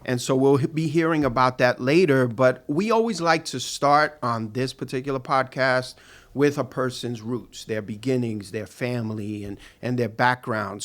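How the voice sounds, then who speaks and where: A man's voice: medium pitch, fairly bright tone. A man hosting an interview podcast, welcoming and upbeat as he asks his guest questions. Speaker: podcast host.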